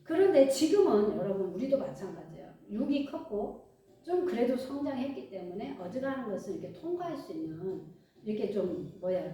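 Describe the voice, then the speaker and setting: A middle-aged woman pastor preaching in a lively, conversational way, acting out short bits of dialogue, recorded from a distance in a church hall with faint music behind her. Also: mid-range voice. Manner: conversational, animated, acts out dialogue. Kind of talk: sermon. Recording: echoey hall, far from mic, faint music.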